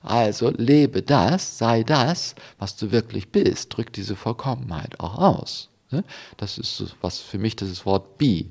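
With a fairly low, expressive voice that is unhurried, creaky and a touch mellow, a male spiritual devotee shares informal reflections as an interview guest. He walks through his points one at a time, regularly tacking on small questions to check that the listener agrees.

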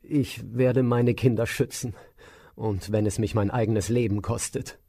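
A man's voice: fairly low pitch, steady tone, unhurried, warm tone. A man voicing an anxious father king who speaks in a lamenting, pleading way.

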